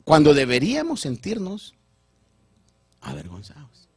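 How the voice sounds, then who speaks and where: Husky male pastor preaching, lively swoopy voice, kinda high, dry sound. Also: measured pace, no echo. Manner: animated, repeats words while building a point. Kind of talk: sermon.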